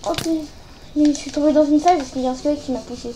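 Role: gamer. Style: casual gameplay chat. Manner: teasing, playful. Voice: high-pitched. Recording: echoey room with clear noise behind. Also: steady tone, warm tone. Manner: teasing, playful, quick jokes.

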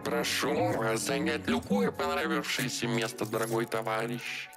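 An actor playing a polite, unflappable robot train conductor in a video game, speaking in formal, bureaucratic, overly courteous phrases. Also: male voice, on the low side, moderate pace, gravelly, fairly bright tone, faint music behind. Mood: placating.

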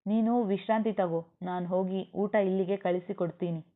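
A woman's voice: medium pitch, fairly even intonation, normal speed, lightly acted. A woman voicing a protective young man, a stern older brother who speaks bluntly and commandingly. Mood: gentle. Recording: tinny phone-like audio.

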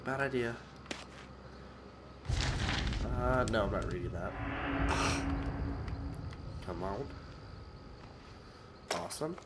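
A young man hosts a horror game let's play on a headset mic, his voice fairly low, stuffy and sick-sounding. He's nervous and jittery, yelping and laughing often, with lively intonation, drawn-out words and long pauses. Game music plays behind him in a very noisy recording.

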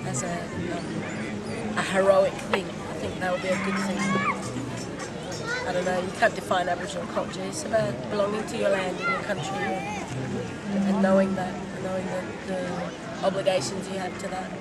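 A middle-aged woman speaks earnestly and reflectively, pausing to find her words. She is filmed close up at a sunny outdoor festival. A loud crowd and heavy background noise surround her. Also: fairly low pitch, steady tone. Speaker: festival goer. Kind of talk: casual interview answers. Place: outdoor festival grounds near tents, sunny.

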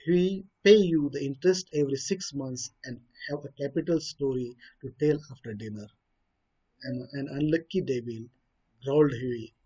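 A man's voice: medium pitch, moderate pace, few pauses, warm tone, breathy edge. Hesitant man retelling a story. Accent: Indian English. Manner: hesitant, many uh fillers and restarts. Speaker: teacher explaining a story. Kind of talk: reading and explaining a story. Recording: dull lo-fi recording.

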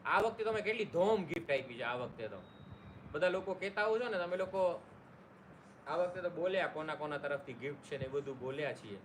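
A man's voice: a little high, a little fast. A man hosting a casual live stream, greeting viewers by name and joking along. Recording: noisy room ambience.

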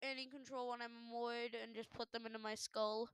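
A young woman giving casual reaction commentary, sarcastic and excitable, breaking into loud startled yelps and gasps. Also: a little high, brisk, clean tone. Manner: sarcastic running jokes. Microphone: headphones on while recording.

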